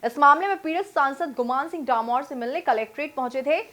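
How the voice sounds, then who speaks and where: A woman reads a scripted news report. Her voice sits fairly high, and she keeps the delivery even and formal throughout. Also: fast. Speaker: news narrator.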